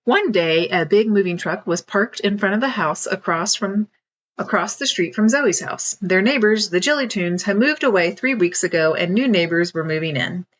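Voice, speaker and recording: A woman's voice: medium pitch, animated, moderate pace, dull audio. Woman reading a children's storybook. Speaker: author reading her book. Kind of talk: storybook read-aloud narration.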